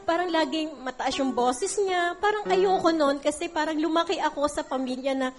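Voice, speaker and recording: A woman's voice: high-pitched, normal speed. A middle-aged woman giving a heartfelt church testimony, tearful at times and using many fillers.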